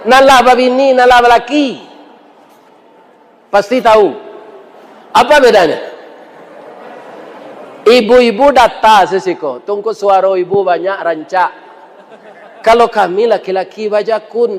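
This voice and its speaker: A man's voice: high-pitched, slow, long pauses, long reverb tail. A man with a Minangkabau accent giving a humorous sermon, joking and asking the audience questions. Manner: jokey, questions the audience, acts out quotes. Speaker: preacher.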